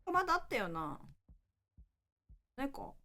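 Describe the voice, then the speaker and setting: A woman streaming a game live, chatting casually and reacting out loud, often apologizing to teammates. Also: high-pitched, sing-song, measured pace.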